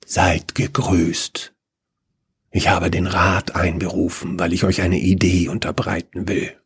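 A man voicing Death, a grim ancient male figure who speaks in a slow, cold, hushed whisper. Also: deep voice, level tone, slightly rough, full character voice. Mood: solemn.

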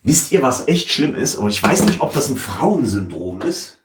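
A man's voice: mid-range voice, big pitch swings, moderate pace. A man chatting casually while playing a game, rambling, muttering to himself and swearing now and then. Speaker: let's play commentator. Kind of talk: casual gameplay commentary. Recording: roomy, distant mic, noisy background.

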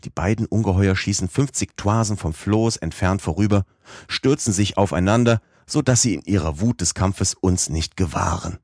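A man reading a classic novel aloud as a first-person audiobook narrator, in a measured storytelling manner. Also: sits low, a little mellow, no echo, studio quality. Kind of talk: scripted narration.

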